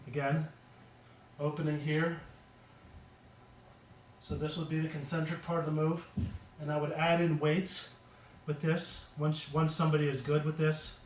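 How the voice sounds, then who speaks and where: A man's voice: a little high, level tone, measured pace, slight background noise. A man demonstrating exercises at home as a fitness instructor, casually explaining each move while he performs it. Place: home basement. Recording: roomy echo from far off, faint ambience.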